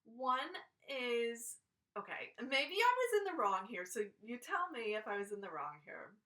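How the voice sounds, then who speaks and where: A woman's voice: fairly high pitch, sing-song, unhurried, bright, forceful tone. An American woman chatting casually in an emphatic, rambling way, drifting off on tangents. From United States, Georgia and Connecticut. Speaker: vlogger. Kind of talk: casual rambling personal chat. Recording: slightly distant microphone.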